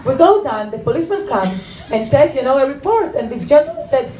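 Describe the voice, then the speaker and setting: Animated woman comic telling stories. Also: high voice, a little fast, far from the mic. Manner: animated, laughing through the punchlines. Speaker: stand-up comedian. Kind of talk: stand-up storytelling. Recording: echoey room with faint noise.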